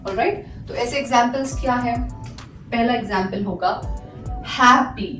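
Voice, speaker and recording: A woman's voice: a little high, moderate pace, a bit bright. A woman teaching a grammar lesson, patiently asking and answering her own questions and repeating examples. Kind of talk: classroom-style grammar lesson. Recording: echoey room, mic at a distance, faint music.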